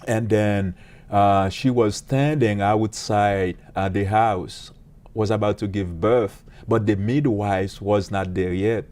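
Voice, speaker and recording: A man speaks in a fairly low voice. He tells his life story as an interview guest, earnest and halting, pausing often on fillers. He is a pastor and a police officer. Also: fairly even intonation, darkish tone. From Haiti. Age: late 30s.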